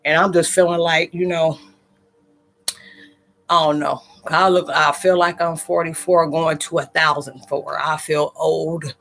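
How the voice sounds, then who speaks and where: Answering viewer comments on her live stream, a self-described psychic woman in her forties chats and laughs. Her deep voice keeps a level tone, slightly bright and a little slow, though the audio quality is poor.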